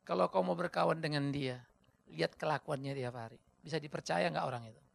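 A male pastor preaching a sermon in a fiery, conversational way, swinging between quiet asides and loud emphasis. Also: on the high side, brisk, vocal fry.

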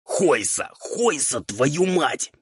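A man's voice: on the high side, very animated, drawn-out words, husky, no room sound, studio quality, pitched above the performer's own voice, heavily acted. A man voicing a fussy, irritable male ghoul cook who hisses and scolds in a strained, altered timbre. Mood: exasperated. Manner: scolding, bossy.

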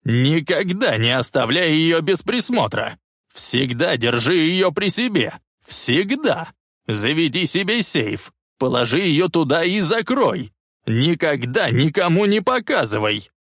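A man voicing a wheezing, cranky old man who talks in a bossy, insistent way and turns shrill when angry. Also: lively intonation, a little slow, gravelly, no echo, studio quality. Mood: furious.

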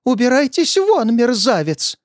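A man voicing an elderly German woman teacher who is delicate and polite but turns shrill and furious when hurt or robbed. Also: wildly swooping pitch, normal speed, a little mellow, dry recording, clean studio sound, full character voice. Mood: shrieking.

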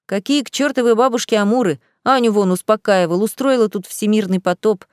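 A woman voicing a gruff male police boss. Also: medium pitch, fairly quick, a little mellow, no room sound, clean studio sound, close to an everyday voice. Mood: grumbling. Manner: blunt, grumbling.

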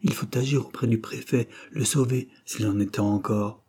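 A man voicing a grave, worried male doctor in an audiobook reading, sober and measured. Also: fairly low pitch, steady tone, dark tone, breathy edge.

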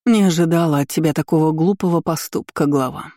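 A male narrator raising his voice into a cruel empress who taunts and gloats over her captive, lilting and sing-song, pitched well above his usual tone. The sound is dark and mellow, recorded close and dry, like a storybook villain savoring every word. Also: a little fast, no echo, lightly acted. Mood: mocking. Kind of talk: audiobook character voice.

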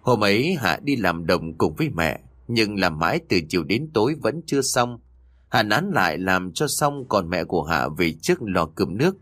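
Man, audiobook ghost-story narration, dramatic, husky voice, low pitch, dry close sound. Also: normal speed, dry recording. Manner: dramatic, expressive.

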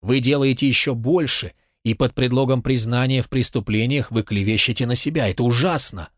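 A man's voice: mid-range voice, fairly quick, dry recording, studio quality, close to an everyday voice. A man reading the lines of an impassioned, grateful young man in a storybook, fervent and insistent.

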